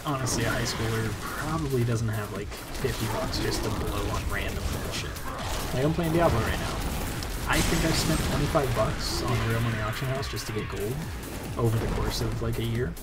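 A man's voice: medium pitch, fairly quick. A young man rambling drunkenly and profanely in a loose, repetitive casual rant while he streams a game. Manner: loose, circling, repeats himself. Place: indoor room, streaming at a computer. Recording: loud game music behind. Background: loud game music.

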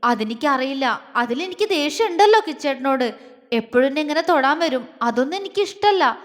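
A woman voicing a shy young bride who speaks softly and sulks, heard in a reverberant room. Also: high voice, lively intonation, brisk. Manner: soft, hushed and pleading.

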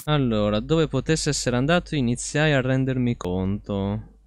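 A man streaming a horror game live, reacting loudly, swearing and reading the game's text aloud. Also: mid-range voice, normal speed, clear, resonant tone, no room sound.

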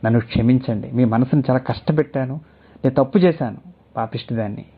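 A man's voice: mid-range voice, quick pace, slightly rough, lightly acted. A man voicing a tearful young wife who pleads in broken, sobbing speech in a storybook reading. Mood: remorseful. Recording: tinny phone-like audio.

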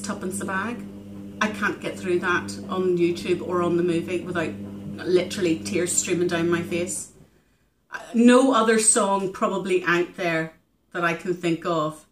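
A woman in her forties shares an earnest, confessional diary vlog, pausing often with ums and restarting her thoughts. Her voice carries a noticeable room echo. A steady wash of ambient noise sits behind her. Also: on the low side, recorded from a distance. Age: 40s. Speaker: vlogger keeping a weight-loss diary.

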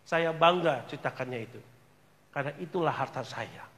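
A middle-aged man preaching a sermon in a church, loud and emphatic at one moment and quiet and personal the next. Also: medium pitch, normal speed, slight background noise. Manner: swings from loud emphatic preaching to quiet personal asides, acts out quoted voices. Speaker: pastor. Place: large church hall. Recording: long church reverb.

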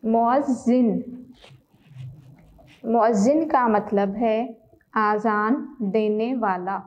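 A woman teacher talks in a slightly high voice, very slowly and deliberately. She repeats each key word for her students to write down. She stops now and then to correct herself. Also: steady tone, lo-fi sound. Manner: slow, deliberate, repeats words for dictation; corrects herself mid-sentence. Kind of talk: classroom lesson.

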